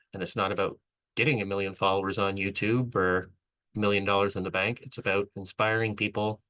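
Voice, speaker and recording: Earnest low-voiced man giving motivational talk. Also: bright, forceful tone, low-quality recording. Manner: earnest, rambling with restarts. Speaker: vlog host. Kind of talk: motivational monologue.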